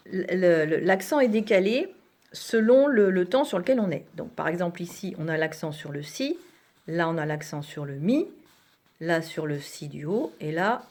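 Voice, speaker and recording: A woman piano teacher giving a patient lesson, counting beats aloud and naming notes and fingerings as she plays. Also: fairly low pitch. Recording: piano playing loudly behind the voice.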